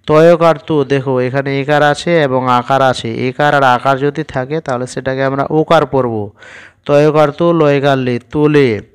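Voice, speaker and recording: A man teaching young children to read, spelling out each word letter by letter in a patient, steady way. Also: mid-range voice, normal speed, smooth. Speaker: primary school teacher. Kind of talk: spelling-out reading lesson for children.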